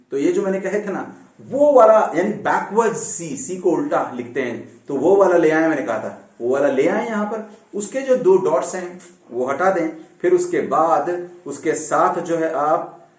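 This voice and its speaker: A man's voice: a little high, a little mellow, far from the mic. Man teaching pronunciation in an echoey room. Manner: drills sounds by repeating them slowly; mixes Urdu religious phrases into teaching. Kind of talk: online phonetics lesson.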